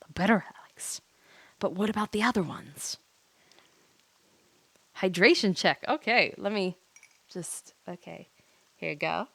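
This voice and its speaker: Chatting casually between reactions, a virtual YouTuber streams a game live while drinking wine, giggly and tipsy. Her mid-range voice is gravelly and fairly bright, moving at a measured pace with long pauses, and faint music plays in the background.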